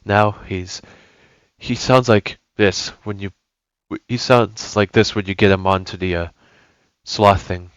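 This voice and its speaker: A man's voice: on the low side, fairly even intonation, a little slow, clear, resonant tone, muffled recording. A young man giving casual, rambling gameplay commentary, often correcting himself as he goes. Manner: rambling, self-correcting, enthusiastic. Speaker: gaming YouTuber.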